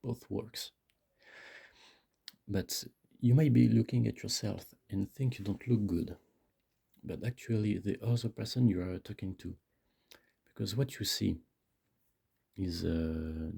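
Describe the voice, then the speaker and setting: Man, deep and husky, rambling casually right up against the mic, hesitant delivery. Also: moderate pace, darkish tone. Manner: hesitant, searching for words, loses his thread. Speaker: video creator. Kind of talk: casual rambling monologue, self-help musing. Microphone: very close to the microphone. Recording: close-miked with mouth clicks.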